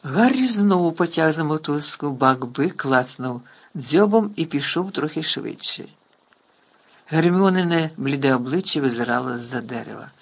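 A man narrating an audiobook in a lively, expressive reading. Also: a little high, moderate pace, gravelly, husky. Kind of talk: storybook reading.

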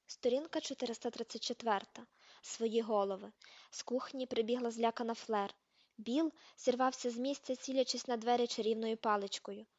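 A woman narrating an amateur audiobook, steady reading that even includes page numbers. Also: a little high, normal speed, muffled recording. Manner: reads page numbers aloud. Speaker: audiobook reader.

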